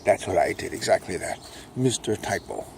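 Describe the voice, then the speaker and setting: An older man from Brooklyn rambling casually on a morning dog walk, pitching his own books with self-mocking salesman patter and a repeated catchphrase. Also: lively intonation, moderate pace, gravelly, a little mellow, a little hiss or hum. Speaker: self-published author promoting his books. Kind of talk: casual rambling vlog while walking a dog.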